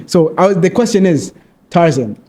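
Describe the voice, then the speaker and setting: A man's voice: sits high, lively intonation, moderate pace, warm tone. A man hosting a podcast, curious and asking questions in casual banter. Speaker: podcast host.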